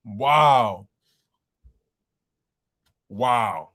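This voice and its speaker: A man with a mid-range, fairly bright voice hosts a casual live sports call-in stream, drawing out his words with lively intonation. His throat sounds a bit rough, giving his voice a slight scratch, and he keeps exclaiming, greeting chat viewers and repeating himself.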